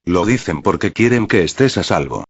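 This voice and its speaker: A man's voice: normal speed, slightly rough, heavily acted. A man reading as a kind, patient young officer. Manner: low and calm. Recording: dull, dry lo-fi recording.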